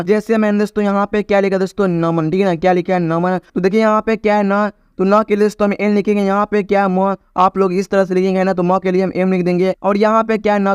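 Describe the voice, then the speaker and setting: A man's voice: high-pitched, smooth, dry recording, studio quality. A man teaching a video lesson to viewers he calls friends, repeating "okay?" often and stretching vowel sounds to demonstrate them. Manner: repetitive, keeps asking "ठीक है ना?". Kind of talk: classroom-style video lesson.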